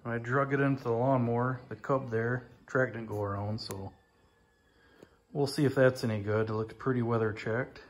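In his garage workshop, a hobbyist restoring an old snowmobile gives a casual, rambling walkaround filmed on a handheld phone. His mid-range voice holds a steady tone at normal speed, and he's plain-spoken, often repeating "like I say."

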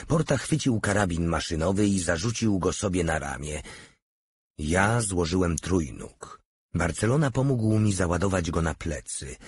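A man reads an audiobook in a steady, measured way. His voice is very low. It carries a heavy husky grain. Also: no room sound. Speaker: audiobook narrator. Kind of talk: audiobook narration.

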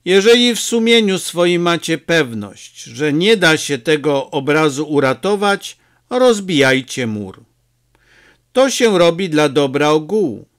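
A male narrator plays a burly, stubborn village priest with a good heart, earnest and persuasive. His voice rises and falls a great deal, and he speaks at an unhurried pace. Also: on the high side, big pitch swings, a bit bright.

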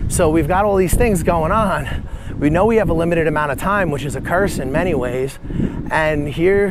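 A man in his forties talking casually to camera while walking through a city, rambling and blunt, cutting off his own swear words. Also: fairly high pitch. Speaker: vlogger and life coach. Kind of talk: casual walking vlog monologue. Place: city streets outdoors. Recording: outdoor street noise.

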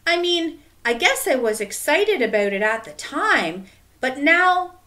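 A woman voicing a nervous schoolboy in a storybook reading, speaking high and worried. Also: very animated, unhurried, pushed and bright, exaggerated voice. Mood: fretful. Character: anxious schoolboy, nervous and fretful.

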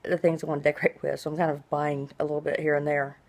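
A middle-aged woman chatting casually in a personal video diary, rambling conversationally, with drawn-out, hissing s sounds. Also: low-pitched, little pitch movement, darkish tone. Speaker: vlogger. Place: small indoor room at home.

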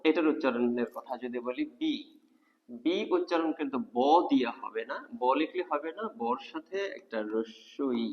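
A man's voice: mid-range voice, moderate pace, dull audio. A man teaching English grammar in a video lecture, explaining step by step and asking the class rhetorical questions. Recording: long reverb of a hall.

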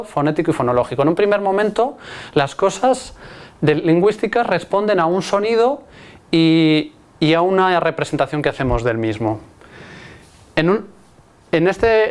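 A man delivering a recorded linguistics lecture, his voice fairly high and smooth. He explains patiently, restarting phrases and checking in with listeners as he goes. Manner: explanatory, with frequent restarts and rhetorical "¿no?".

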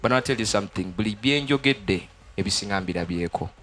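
Fast-talking Ugandan man telling his testimony. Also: fairly low pitch, fairly bright tone, a little hiss or hum. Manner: earnest, fast-talking, mixes Luganda and English. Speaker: gospel musician guest. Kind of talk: studio interview, personal testimony. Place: TV studio. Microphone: handheld mic.

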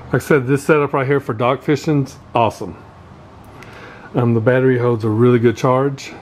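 A medium-pitched man shows off fishing gear in an unscripted, casual vlog walkthrough, handling it as he talks and frequently stopping mid-phrase. He's in an indoor garage workshop, with room ambience and steady background noise on the recording.

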